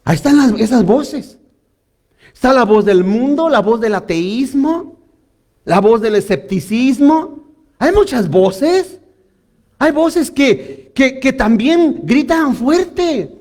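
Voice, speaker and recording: High-voiced man preaching with animated energy. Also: takes it slowly. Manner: animated preaching with frequent audience prompts. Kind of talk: sermon.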